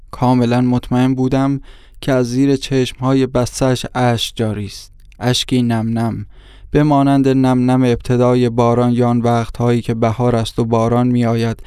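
A man narrating an audiobook in a measured, descriptive storytelling manner. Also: medium pitch, flat delivery, dark tone, clean tone, dry recording, clean studio sound.

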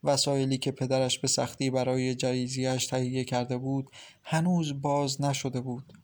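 A man narrating a novel as an audiobook reader, in a steady, even storytelling delivery. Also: mid-range voice.

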